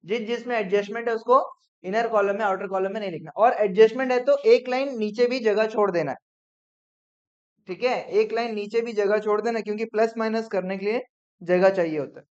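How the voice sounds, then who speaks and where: A man's voice: high voice, darkish tone. Guy teaching accounts to a class, keeps asking theek hai, muffled lo-fi audio. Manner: brisk, coaxing, peppered with "theek hai?". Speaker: commerce teacher. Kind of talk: classroom lecture. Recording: dull lo-fi classroom recording.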